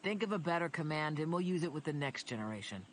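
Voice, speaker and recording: A woman voicing a gruff male dog trainer who speaks bluntly and gives commands in a storybook reading. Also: deep voice, animated, fast, a little hiss or hum. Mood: commanding. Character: gruff man, dog trainer, brusque and teasing.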